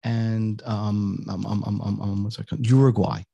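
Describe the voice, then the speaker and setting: A man's voice: on the low side, level tone, moderate pace, creaky, dark tone, husky, dry recording, lo-fi sound. A man hosting an interview, rambling with frequent fillers and restarts. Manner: rambling, hesitant, many fillers. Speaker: host. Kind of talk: casual interview talk.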